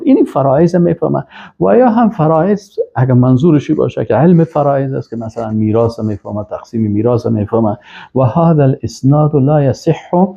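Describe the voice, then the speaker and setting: A man's voice: medium pitch, creaky, dark tone. A man teaching Islamic studies, reading Arabic phrases aloud and then explaining each one with emphatic rises. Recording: dull lo-fi recording.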